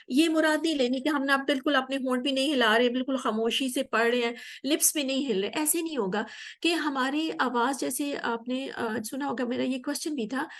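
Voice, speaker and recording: A woman giving a patient, explanatory religious lesson, often pausing with hesitations. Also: high voice. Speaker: religious teacher. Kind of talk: Islamic lesson.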